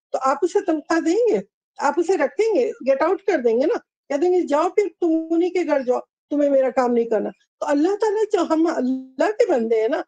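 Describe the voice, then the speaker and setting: A woman giving a religious talk in an earnest, pleading way, gently urging her listeners. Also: very high voice, no room sound, lo-fi sound. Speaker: religious lecturer.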